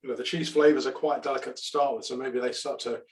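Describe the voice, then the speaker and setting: Quick-talking guy a bit far from the mic, easygoing tasting chat. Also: mid-range voice, steady tone. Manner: quick, agreeable remarks. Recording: voice a little distant from the mic.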